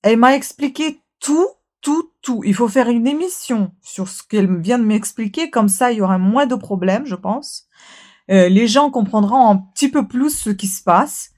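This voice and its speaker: A woman with a somewhat high voice talks to her camera in a loose, casual vlog chat. She sounds tired, and she rambles along with plenty of fillers and restarts, circling back on her points as she goes. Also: expressive, normal speed, a little mellow. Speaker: vlogger.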